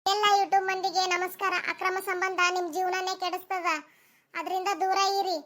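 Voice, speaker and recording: A woman with a North Karnataka Kannada accent delivers a calm, moralizing sign-off for a cartoon channel. Her voice is very high and bright. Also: moderate pace. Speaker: channel narrator.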